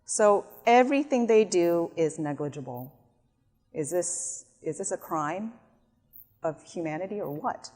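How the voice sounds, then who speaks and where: A woman giving an animated slide presentation, acting out quotes as she explains. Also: on the low side, measured pace. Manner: animated, acts out quotes in other voices. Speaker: speaker. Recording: echoey hall.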